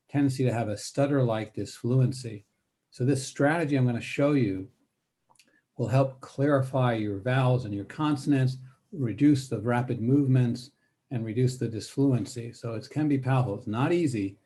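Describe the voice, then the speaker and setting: An older man giving a spoken workshop on speech strategies, talking deliberately with pauses between phrases and showing different word emphasis. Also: medium pitch, dark tone. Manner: demonstrates varied word emphasis. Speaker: guest presenter on speech strategies. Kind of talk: spoken workshop talk with demonstrations.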